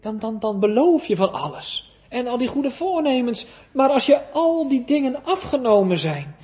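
A man preaching a sermon, emphatic, with big swings in loudness and pitch and rhetorical questions. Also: big pitch swings, moderate pace.

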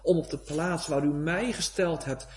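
A man preaching a sermon in a church, pleading and fervent, swinging between hushed and loud. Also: on the high side, normal speed, slight background noise.

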